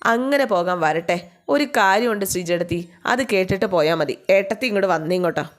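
A woman's voice: medium pitch, brisk, natural voice. A woman voicing a helpful man who brings news of a job. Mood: businesslike.

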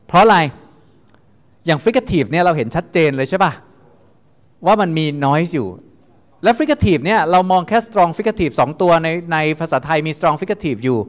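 A man teaching a university class, talking casually and repeating instructions to coax students into group work. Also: on the high side. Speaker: university lecturer. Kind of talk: classroom lecture. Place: lecture hall. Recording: reverberant lecture hall.

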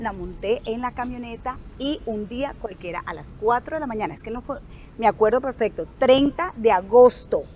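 Speaking with a Colombian Caribbean coast accent, this woman in her thirties is an interview guest, also labeled a news anchor, telling lively stories outdoors on a resort terrace. Her voice sits on the high side, and a little hiss or hum can be heard. She acts out conversations with plenty of expression.

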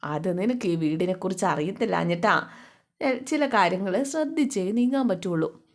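A woman's voice: medium pitch, lively intonation, normal speed, natural voice. A woman doing a soothing young husband. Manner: coaxing, placating.

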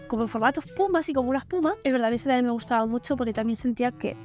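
Brief: young woman beauty vlogger, high bright voice, gushy and playful, faint music behind. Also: very fast. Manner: chatty and gushing, with playful slang. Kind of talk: casual product review vlog.

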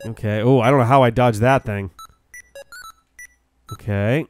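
A man's voice: mid-range voice, steady tone, unhurried, darkish tone. A man giving casual, crude commentary while coaching a friend through a retro handheld game. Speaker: let's play co-host. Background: faint game music and beeps.

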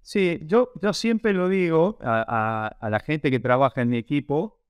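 Appearing as an interview guest on a video call from a small indoor office, a pig production researcher and lecturer describes his work in a conversational way. He is an older man, late 50s to 60s, with an Argentine accent, using a wired earphone headset. His fairly high, smooth voice has lively intonation and moves a little slowly, with no echo.

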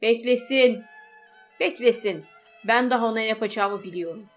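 A woman's voice: a little high, normal speed, soft background music, close to an everyday voice. A woman voicing a curt, possessive adult man giving orders in an audiobook story. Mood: commanding. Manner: curt, commanding. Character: commanding husband, adult man, cool and possessive.

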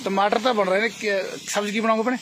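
Man, high-pitched, bright tone, joking, casual chat, outdoors, handheld camera. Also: steady tone, very fast, slight background noise. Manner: joking, teasing, chatty. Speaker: vlogger. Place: outdoors in a field.

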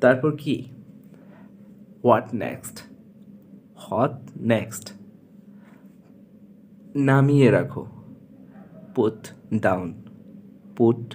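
A male teacher with a Bengali accent works through everyday English phrases at a very slow, drilling pace, voicing each one twice. His voice sits in a middle range. A faint room hum runs underneath. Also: mid-range voice, animated, darkish tone. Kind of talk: spoken English lesson.

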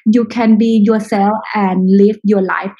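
A woman, a podcast guest answering questions in a halting way with frequent pauses. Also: mid-range voice, little pitch movement, warm tone, breathy edge, muffled recording. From Thailand. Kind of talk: casual interview answers.

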